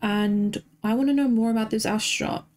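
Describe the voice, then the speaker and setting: A woman's voice: a little high, steady tone, fairly quick, a little mellow. A woman streaming a game, chatting affectionately and playfully with her viewers. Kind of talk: casual live-stream chat. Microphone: desk mic.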